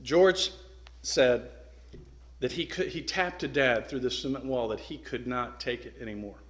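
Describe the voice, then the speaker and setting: This is a middle-aged man's guest speech to a club, earnest and emphatic in his mid-range voice. Now and then he stops for effect or begins a sentence again.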